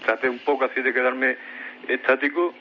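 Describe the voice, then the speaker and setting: A man's voice: medium pitch, flat delivery, fairly quick, highs cut off, slight background noise. A man with a Spain Spanish accent, a radio guest telling of a strange experience he lived through, hesitating often and repeating his words. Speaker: guest recounting a paranormal experience. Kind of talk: personal storytelling on a radio mystery show.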